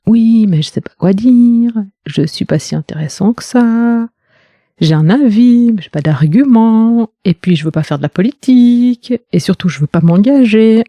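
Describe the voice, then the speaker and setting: A woman's voice: on the high side, expressive, moderate pace, warm tone, dry recording, pitched above the performer's own voice. A woman voicing a hesitant leader's self-doubting inner voice in an anxious, protesting tone.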